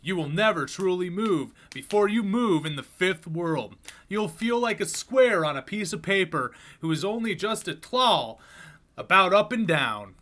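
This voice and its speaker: A slick salesman-announcer, put on by a man reading aloud, pitches his wares in a loud, emphatic voice that leans on the key phrases. The tone is bright and forward, pitched a little high, with words drawn out for effect. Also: animated, unhurried. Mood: grand pitching. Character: slick booming male salesman-announcer pitching a strange book.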